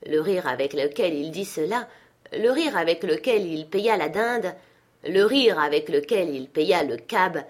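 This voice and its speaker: Woman narrating a classic tale. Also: fairly low pitch. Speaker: audiobook reader. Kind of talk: scripted narration.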